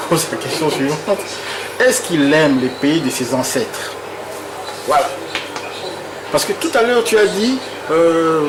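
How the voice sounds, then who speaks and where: A man from Congo interviewing a footballer and reading out viewers' questions, often repeating words as he searches for his phrasing. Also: mid-range voice. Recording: noisy room with air conditioning.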